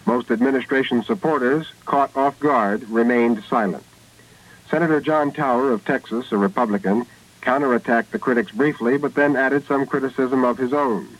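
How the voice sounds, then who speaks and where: A man's voice: medium pitch, moderate pace, low-quality recording. An American man reading a scripted radio news report as a correspondent.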